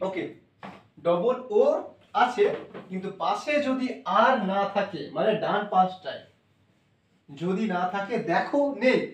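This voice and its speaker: A man's voice: high voice, expressive, takes it slowly, long pauses, recorded from a distance. A man teaching a phonics lesson who keeps repeating his points and checking in with "okay". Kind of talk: spoken English phonics lesson. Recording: roomy echo, voice off-mic.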